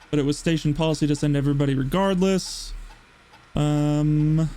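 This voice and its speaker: A man's voice: fairly high pitch, darkish tone. A male streamer giving casual gaming commentary, joking, laughing and thinking aloud.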